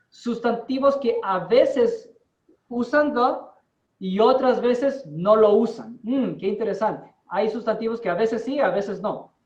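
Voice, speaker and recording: A man teaching an English class in Spanish, explaining slowly and deliberately and checking in with his students. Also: extremely high pitch, a little mellow. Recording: distant, roomy, dull-sounding.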